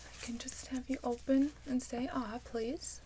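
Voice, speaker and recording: A woman doing an ASMR role-play as a caring nurse, with a gentle, reassuring bedside manner. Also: sits high, fairly even intonation, a little slow, a little hiss or hum, rough recording. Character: caring, attentive female nurse. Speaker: ASMR performer playing a nurse.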